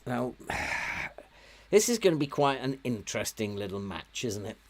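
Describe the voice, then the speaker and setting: Slow chuckling man in his sixties. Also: medium pitch, very animated. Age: 60s. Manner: chuckling, self-mocking, slow and chatty. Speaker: let's play host. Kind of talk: casual game commentary.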